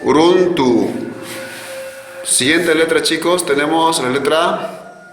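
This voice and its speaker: Man, language teacher, very slow, patient repetition, echoey room with long reverb. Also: fairly high pitch, soft background music. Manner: slow, patient, repeats each sound twice. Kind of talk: slow classroom drill, repeating words for students. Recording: roomy echo with long reverb and faint hiss.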